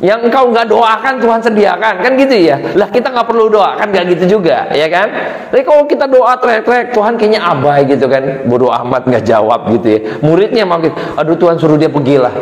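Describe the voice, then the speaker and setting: A middle-aged man preaches in a loose, conversational way, full of fillers and asides. His voice sits a little high for a man. The sound carries the echo of a large hall with a long reverb tail. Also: animated, fairly quick. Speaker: pastor. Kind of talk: sermon.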